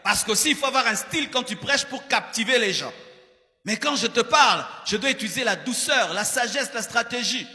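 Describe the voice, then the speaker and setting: A man's voice: very high-pitched, expressive, brisk, pushed and bright. A man with a Congolese accent giving an admonishing sermon as a pastor, repeating phrases for emphasis. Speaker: pastor preaching. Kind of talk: sermon with acted examples and direct address. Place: large church hall, preaching to a crowd. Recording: reverberant hall.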